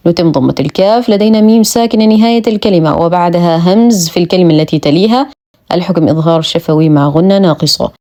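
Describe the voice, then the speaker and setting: Mellow-voiced woman teaching recitation. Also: mid-range voice. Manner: measured, precise instruction, drawing out recited words very slowly. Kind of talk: tajweed lesson, explaining rules between slow recited words.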